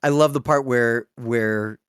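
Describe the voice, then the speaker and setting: A man's voice: mid-range voice, a little slow, clean tone, no echo, studio quality. A man co-hosting a casual book-discussion podcast who speaks thoughtfully and searches for his words. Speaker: podcast co-host.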